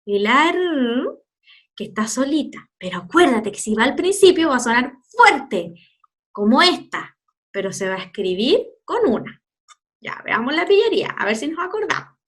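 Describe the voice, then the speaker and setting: A woman teacher with a Chilean Spanish accent, giving a children's phonics lesson with slow, drawn-out word demonstrations and playful asides. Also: sits high, sing-song, a bit bright. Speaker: primary school teacher.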